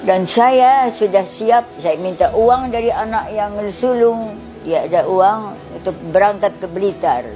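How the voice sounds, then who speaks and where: A woman's voice: medium pitch, unhurried, faint music behind. An older woman giving a personal faith testimony, telling her story vividly and acting out the voices of the people in it. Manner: animated retelling with acted quoted dialogue. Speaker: testimony giver.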